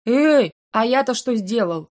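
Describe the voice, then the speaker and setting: A woman's voice: fairly high pitch, expressive, moderate pace, close to an everyday voice. A woman reading the lines of a young male werewolf who grumbles and sulks, in an audiobook. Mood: exasperated. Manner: sulky, exasperated.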